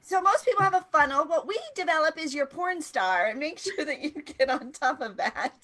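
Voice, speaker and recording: A woman's voice: high voice, lively intonation, moderate pace, pushed and bright. A woman co-hosting a casual morning show over a video call, bubbly and laughing often. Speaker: co-host.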